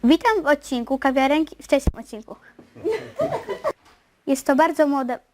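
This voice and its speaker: High-pitched teenage girl rehearsing presenter lines. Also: moderate pace, background noise. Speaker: school show presenter. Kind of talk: scripted presenting in outtakes. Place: small green-screen school studio, indoors. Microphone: lapel microphone.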